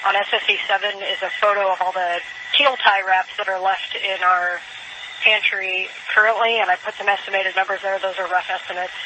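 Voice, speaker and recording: A woman's voice: medium pitch, little pitch movement, fairly quick, background noise. A woman astronaut making methodical, detailed procedural reports to the ground over a space radio link. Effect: space radio transmission. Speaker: astronaut crew member.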